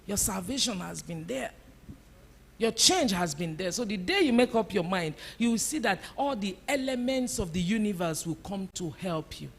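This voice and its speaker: A woman's voice: mid-range voice, slightly rough. A woman speaking at a church conference to a live audience, emphatic and repeating her key phrases.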